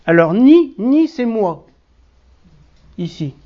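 A teacher walks a class slowly through biblical Hebrew words, patient and methodical, pausing on fillers. The sound is muffled and lo-fi, like a basic classroom recording. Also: medium pitch, very animated. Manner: patient, explaining step by step with fillers. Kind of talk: classroom Bible Hebrew lesson.

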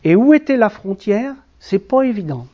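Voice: medium pitch, lively intonation, normal speed. A teacher leading a classroom lesson on biblical Hebrew, explaining patiently step by step with frequent hesitations. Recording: dull lo-fi classroom recording.

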